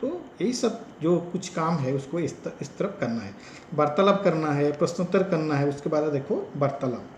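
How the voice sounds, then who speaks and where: A man who trains teachers gives a slow lecture in Hindi with an Odia-influenced accent and repeats example sentences with stress. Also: fairly high pitch, lively intonation, echoey room, a little hiss or hum. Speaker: teacher educator.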